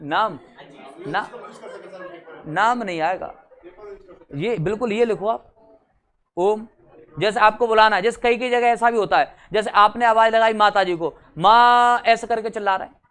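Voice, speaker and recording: A man's voice: high voice, normal speed, pauses often, fairly bright tone, clear, resonant tone. A young adult man teaching a grammar lesson for exam prep, chatty and teasing, often quizzing his students.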